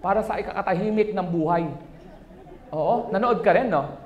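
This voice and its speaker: Male comic, wedding stand-up set, lively and high-pitched, roomy echo. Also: normal speed, lo-fi sound. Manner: animated, acts out quoted voices. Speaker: stand-up comedian. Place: wedding reception hall.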